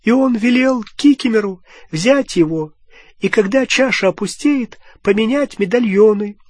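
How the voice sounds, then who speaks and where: A squeaky, high, wailing old house-elf, servile and heartbroken, stammering through his sobs. The voice is husky and loud, and it sits close to the mic in a dry space. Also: measured pace, dry recording. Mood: sobbing. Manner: sobbing, stammering, speaks of himself in third person.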